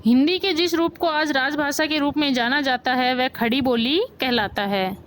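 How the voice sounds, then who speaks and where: Lady teacher w/ explaining grammar, asks the class stuff then repeats it, highish voice. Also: moderate pace, a bit bright, a little hiss or hum, rough recording. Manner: explains with questions to students, repeats key points. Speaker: school teacher.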